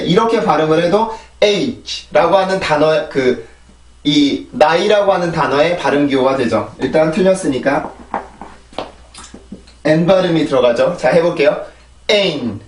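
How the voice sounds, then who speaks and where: A man's voice: high voice, far from the mic. Man teaching pronunciation in an echoey room. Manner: explains step by step, repeats drill sounds, asks "right?" often. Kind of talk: pronunciation lesson.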